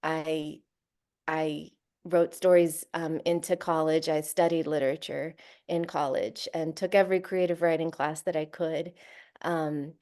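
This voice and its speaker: A woman author from Central Florida, USA, is a guest in a casual interview, speaking thoughtfully with lots of fillers and light laughs. Her voice is low-pitched, level and a little mellow, at a measured pace.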